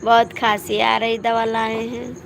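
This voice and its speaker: A woman's voice: on the high side, flat delivery, measured pace, creaky, very noisy. A woman with a cough and cold, chatting casually and teasing viewers on a live stream, laughing often, with an Awadhi accent.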